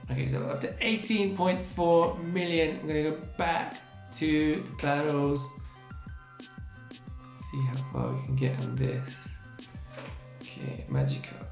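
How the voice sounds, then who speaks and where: Sitting at his desk in a small room, a gaming host in his thirties records casual let's-play commentary on a webcam mic, reacting to each result. The room sounds echoey, and his mid-range voice is gravelly, strained and sore-throated.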